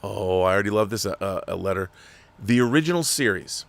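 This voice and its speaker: Animated and a little fast, a male host reads viewer letters aloud and responds with opinionated, emphatic criticism, repeatedly restarting what he says. His fairly low voice carries vocal fry.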